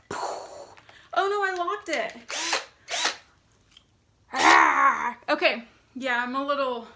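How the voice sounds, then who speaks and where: A YouTube vlogger chats casually to camera indoors at home, bubbly and a bit out of breath, filling her speech with fillers. Her voice sits high, pushed and bright, with a roomy sound.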